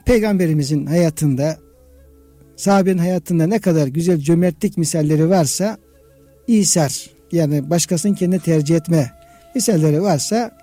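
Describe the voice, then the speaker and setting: High-pitched man with a very dark, mellow voice. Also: normal speed, no echo, faint music behind. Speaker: host of a religious discussion. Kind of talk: conversational religious discussion with anecdotes.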